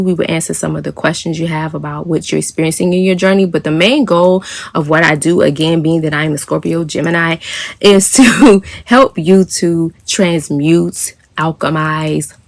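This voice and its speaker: A woman with a low, gravelly voice speaks in a relaxed, rambling vlog monologue, pausing on fillers and light laughs. The sound is close and dry, with no room around it. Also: no room sound. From United States. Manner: soft-spoken, meandering, frequent fillers and light laughs. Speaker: spiritual practitioner and reverend. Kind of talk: casual reflective vlog monologue.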